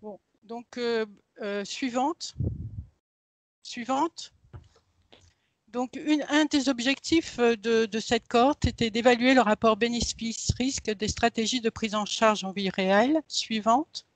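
A woman's voice: fairly high pitch, measured pace, no room sound. A woman professor giving a hesitant conference talk over a video call through a headset mic, her voice cut up by a choppy connection. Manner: hesitant, many filler sounds. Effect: choppy online connection. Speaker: professor presenting a research cohort.

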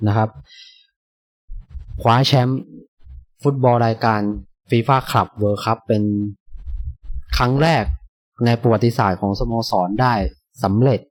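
A man hosting a relaxed post-match chat for fellow football fans, talking in a polite, easygoing ramble. He thinks aloud, hesitates now and then, and pads his phrases with soft filler words. His voice sits at an ordinary middle pitch, recorded dry and close with no room sound. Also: a little slow, long pauses, no room sound. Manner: polite, chatty, padding sentences with soft filler particles. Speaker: football fan channel host.

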